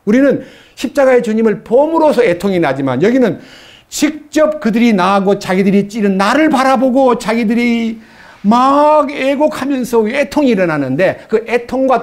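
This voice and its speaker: A man's voice: sits high, very animated, normal speed. A man preaching a church sermon. He reads long scripture passages aloud and puts questions straight to the congregation. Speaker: pastor.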